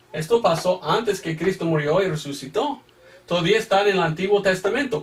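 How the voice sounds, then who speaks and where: A man's voice: high-pitched, distant mic. A man, an evangelist missionary, teaching a Bible sermon. He reads scripture references aloud, repeats his phrases and asks emphatic rhetorical questions.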